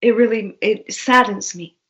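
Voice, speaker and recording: A woman therapist speaks as a guest, gentle and affirming while she explains ideas. Her pitch is middle of the range, and the audio comes through slightly dull and muffled. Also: normal speed. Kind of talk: interview guest explaining concepts.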